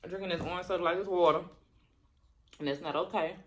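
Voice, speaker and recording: A woman chatting casually and colloquially to viewers during a mukbang, chewing as she talks and pausing between bites. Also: lowish voice, fairly even intonation, a little hiss or hum. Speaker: mukbang vlogger. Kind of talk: casual chat to viewers while eating.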